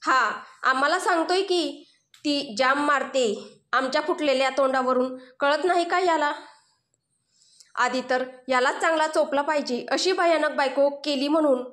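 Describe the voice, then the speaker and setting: A woman's voice: high voice, measured pace, a bit bright. A woman voicing a beaten, panicky young man who whines, pleads and complains. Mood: indignant. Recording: roomy echo.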